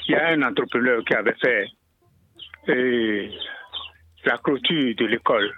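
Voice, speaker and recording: A man calling in to a radio show, talking haltingly with many fillers and repeated words. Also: medium pitch, a little hiss or hum. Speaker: caller. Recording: tinny phone line.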